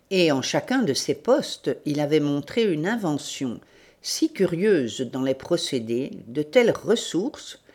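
A woman reads a novel aloud in a low voice, setting a slow and even pace. Her narration is measured and steady throughout.

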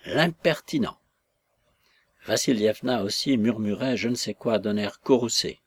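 A man reading a novel aloud as narrator, expressive and acting out voices. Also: lowish voice, normal speed, husky. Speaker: audiobook reader. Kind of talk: scripted narration.

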